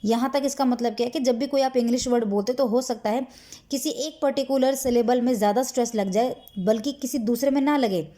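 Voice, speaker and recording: A woman teaching an exam-prep lesson, with a voice a little higher than most. Her tone is soft and mellow, never sharp. She reads sentences word by word, then switches to rapid, casual explanation and checks in with her students. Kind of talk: exam-prep lecture, reading English lines slowly then explaining in Hindi.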